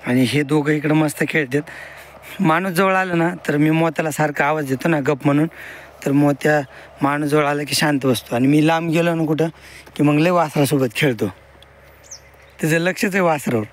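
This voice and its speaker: A man's voice: on the high side, fairly even intonation, moderate pace. Man, outdoors on a farm. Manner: explains his fields and animals to the camera while working. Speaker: farmer vlogger. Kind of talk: casual farm vlog narration.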